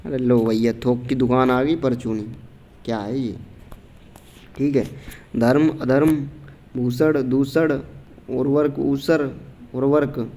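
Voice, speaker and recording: Slow and full of pauses, a man speaks in a mellow, steady voice of medium pitch. It's a relaxed exam-prep grammar lesson where he reads answer choices, says "theek hai" a lot and checks often that his students follow along.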